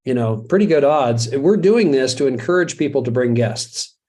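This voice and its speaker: A middle-aged American man hosts a live webinar, chatting casually, poking fun at himself and chuckling often. His voice is medium in pitch and darkish in tone, expressive, at a moderate pace.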